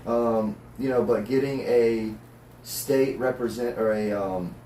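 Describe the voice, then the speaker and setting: A man's voice: mid-range voice, fairly even intonation, slow pace, mellow. A man in a casual discussion, talking emphatically and repeating himself to press his point. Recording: echoey room, distant mic, faint noise.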